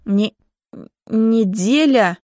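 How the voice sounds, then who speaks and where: A woman reading an audiobook, voicing a sick, bitter young man who speaks sarcastically and haltingly. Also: mid-range voice, lively intonation, no room sound, studio quality. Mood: weak, halting.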